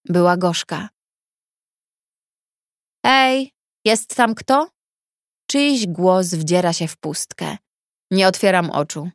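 Female audiobook narrator, measured and subdued, unhurried first-person reading, dry close mic. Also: lowish voice, no echo.

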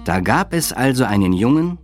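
A man reading a first-person children's detective story aloud, in a lively, expressive way. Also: mid-range voice, normal speed, soft background music. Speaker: audiobook reader.

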